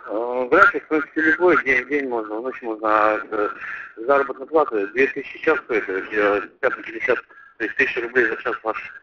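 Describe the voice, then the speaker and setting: A man talking on a phone call, answering questions with many pauses and filler sounds. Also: medium pitch. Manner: hesitant, full of filler sounds. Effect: heard over a phone line. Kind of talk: phone conversation. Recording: muffled noisy phone line.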